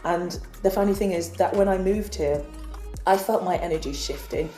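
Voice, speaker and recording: A woman's voice: lowish voice, moderate pace, mellow, echoey room, faint music behind. A woman from England earnestly telling a personal spiritual story in a casual vlog. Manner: earnest, confessional. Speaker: spiritual vlogger.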